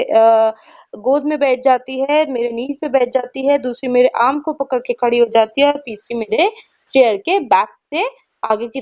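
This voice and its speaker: A young female teacher talks students through a poem in a high voice, pausing often to ask whether they follow. She reads the verse slowly and deliberately. The recording sounds dull and lo-fi. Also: a little mellow. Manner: patient, checks understanding with frequent "ठीक है?". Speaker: school English teacher. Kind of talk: explaining a poem to students in Hindi.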